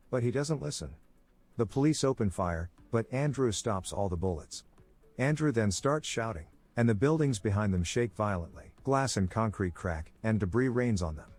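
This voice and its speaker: A man giving a scripted narration, with a steady, even storytelling delivery. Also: lowish voice. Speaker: movie recap narrator.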